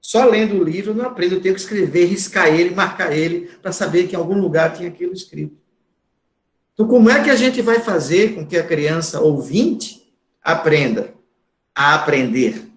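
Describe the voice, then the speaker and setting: A man giving a lecture to a class, talking loudly and repeating words for emphasis. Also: sits high, normal speed, echoey room. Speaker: course instructor.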